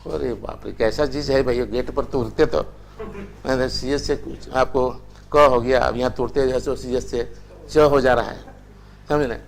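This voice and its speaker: A man's voice: mid-range voice, fairly even intonation, normal speed, vocal fry, a little hiss or hum. An older man teaching a language class, lecturing in a chatty way and telling anecdotes. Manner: chatty, anecdotal, tells stories with acted quotes.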